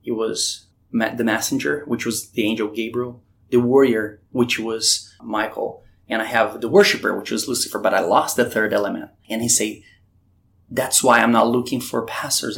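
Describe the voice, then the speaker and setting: In a storytelling testimony, a missionary guest from Brazil speaks with a Brazilian Portuguese accent in a creaky, medium-pitched voice with a fairly bright tone. Earnest throughout, he retells past dialogue and restarts frequently.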